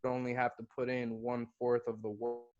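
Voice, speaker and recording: Laid-back young man, flat delivery. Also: mid-range voice, a little fast, highs cut off. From Guatemala. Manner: laid-back, swears freely, calls the host bro. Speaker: podcast guest, hip-hop artist. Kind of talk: casual interview chat.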